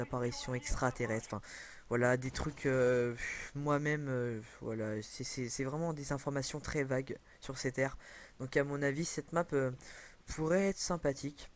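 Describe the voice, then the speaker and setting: A man's voice: medium pitch, a little hiss or hum. A young man commenting casually on a video game over a headset, rambling with many fillers and self-corrections. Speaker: gaming commentator.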